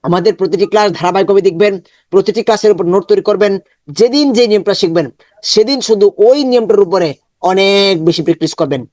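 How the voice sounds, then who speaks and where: A man teaches an online Quran lesson, his voice sitting fairly high. He breaks words into syllables and repeats each one slowly, then chants the verse in long drawn-out tones. The sound is dry and close, with no room echo. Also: darkish tone. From Bangladesh. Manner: slow syllable-by-syllable drilling with repetition.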